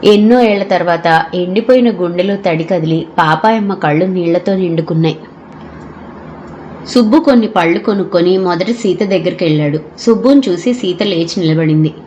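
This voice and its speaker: A woman narrating an audio novel in a steady storytelling manner. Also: on the low side, moderate pace, slight background noise.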